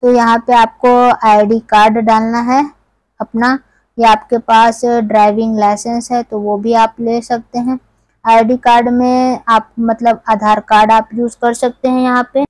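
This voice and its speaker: A woman's voice: fairly high pitch, flat delivery, measured pace, dry recording, low-quality recording. A woman host from India walking viewers step by step through an app in a conversational tutorial voice-over. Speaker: tech tutorial channel host. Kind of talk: screen-recorded app tutorial.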